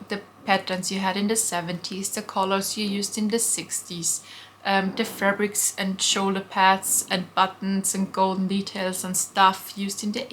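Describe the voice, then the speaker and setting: A young vintage-shop-owner vlogger from Austria answers viewer questions from her bedroom, chatting casually and saying um often. She has a medium-pitched, slightly bright voice, and faint construction noise from next door can be heard behind her.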